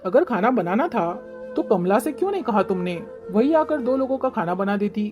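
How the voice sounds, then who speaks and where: A woman voicing a kind older father-in-law in a cartoon, speaking with gentle concern. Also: mid-range voice, big pitch swings, normal speed, dull audio, faint music behind, lightly acted.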